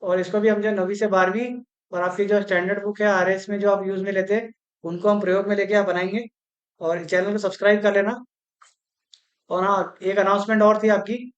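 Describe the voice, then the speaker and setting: A teacher giving an exam-prep grammar lesson, slowly repeating words and spelling out their syllables, often mixing English words into Hindi. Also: medium pitch, level tone, muffled recording. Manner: slow, repetitive, spells out syllables.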